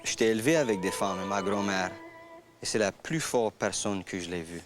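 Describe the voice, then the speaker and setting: Cajun man telling his story, low voice. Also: normal speed, over music. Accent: Cajun French. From Louisiana. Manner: animated, acts out quoted voices. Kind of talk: casual storytelling interview.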